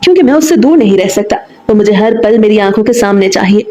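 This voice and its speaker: A woman's voice: medium pitch, expressive, quick pace, warm tone, roomy sound, close to an everyday voice. A woman voicing a possessive young man in a romance audiobook, talking in a firm, commanding way.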